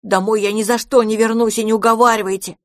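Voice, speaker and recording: A woman's voice: a little high, little pitch movement, fast talker, no room sound, clean studio sound, pitched above the performer's own voice, natural voice. A woman doing a sulky little house-sprite boy. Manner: gloomy, stubborn, tearful.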